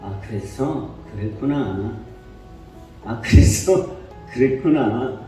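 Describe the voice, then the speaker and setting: A man voicing a patient, resigned middle-aged husband who speaks low and subdued, recorded from afar in an echoey hall. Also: animated, moderate pace, dark tone. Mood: soothing. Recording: echoey church hall from far off, faint music.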